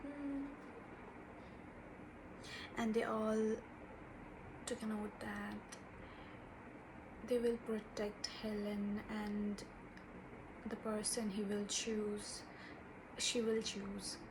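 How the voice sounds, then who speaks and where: A woman with a Bengali accent chatting casually about a book, halting as she searches for words and rather self-deprecating. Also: medium pitch, flat delivery, background noise. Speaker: book reviewer. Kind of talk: casual unscripted book chat.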